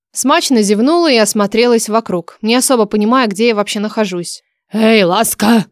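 A woman reading a fantasy audiobook as narrator, in an even storytelling manner. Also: a little high, dry recording, studio quality. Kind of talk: scripted narration.

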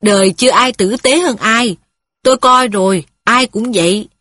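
A woman reading a story voices a bitter, quick-tempered widow who scolds and resents. Her fairly high, breathy voice sounds pushed and bright, and the audio is dry and close with no echo.

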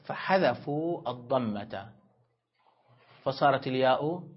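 Guy teaching grammar, asks himself questions, drags words out slow, kinda muffled old recording. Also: medium pitch, expressive, husky. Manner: explains step by step, asks and answers own questions; stretches words slowly when spelling out forms. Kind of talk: classroom lesson. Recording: dull lo-fi lecture recording.

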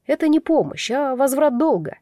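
A woman's voice: sits high, sing-song, moderate pace, dark tone, no echo, clean studio sound, voice pushed up. A woman reading a curt, sneering young man. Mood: angry. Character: cold scornful young man nicknamed snake. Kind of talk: audiobook character reading.

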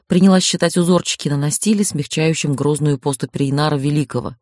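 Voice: medium pitch, a little fast, a little mellow, no room sound, clean studio sound. An audiobook narrator reading a first-person novel in a wry, emotional inner-monologue manner.

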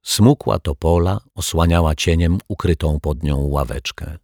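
A man narrating a children's audiobook in a calm, even storytelling manner on a close mic. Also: rumbling low, unhurried, no room sound. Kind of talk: scripted narration.

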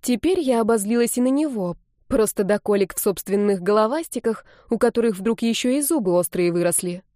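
A woman narrating a story in the first person with expressive storytelling. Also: a little high, fairly quick, few pauses, no room sound, studio quality.

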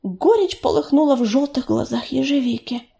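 A woman reads a children's storybook aloud as narrator. Her voice is high and sweeps across a wide range. The delivery is expressive and animated. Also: moderate pace, gravelly. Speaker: audiobook reader.

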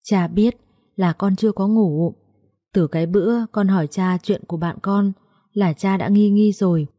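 Woman doing an old father, husky voice, gentle and tearful, mellow tone, audio storybook. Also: medium pitch, normal speed, no echo, studio quality, close to an everyday voice. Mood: tender. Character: poor, gentle old father, loving and humble.

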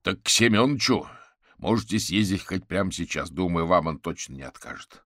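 A man voicing an eager, brisk police officer who speaks quickly and with energy. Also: low voice, expressive, fairly bright tone, no echo, clean studio sound.

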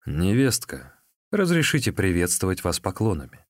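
A man voicing a cold, vengeful sworn brother who speaks slowly and mockingly. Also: sits low, big pitch swings, no room sound, studio quality. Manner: slow, mocking.

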